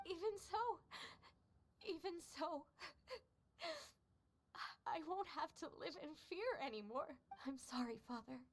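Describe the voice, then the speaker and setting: A young, loyal member of an orphan household in a game story. The voice is high, soft and timid, heavy with emotion. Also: female voice, animated, measured pace. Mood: tearful. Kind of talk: game cutscene voice acting.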